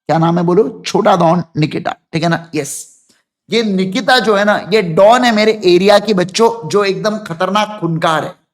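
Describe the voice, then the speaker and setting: A man from India teaching law to a class, telling a story with lively call-and-response questions and acting out voices. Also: sits high. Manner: acts out students' lines and crying in put-on voices. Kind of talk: classroom lecture.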